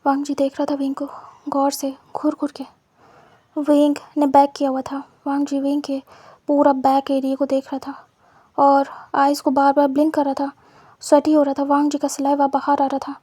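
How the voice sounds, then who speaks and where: Female storyteller, high flat mellow voice, dry close sound, plain repetitive narration. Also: normal speed, no room sound.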